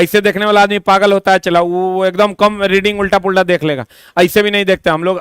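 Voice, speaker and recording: A man teaching an online exam-prep lesson, chatty and repetitive, with quick asides to his students. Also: high-pitched, fairly bright tone, smooth, dry recording.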